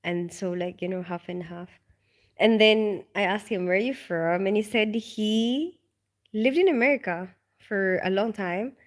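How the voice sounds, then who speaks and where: Medium in pitch and a little slow, this Filipino woman is hosting an informal live stream from her home at night. She reads her viewers' comments aloud, chatting with plenty of ums and little laughs, and she seems tired and sleepy.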